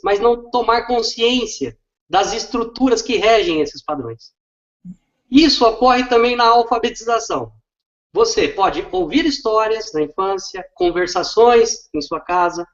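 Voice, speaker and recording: A man, an educator explaining literacy step by step and often checking with tag questions. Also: sits high. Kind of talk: didactic explanation in conversation. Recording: dull lo-fi recording.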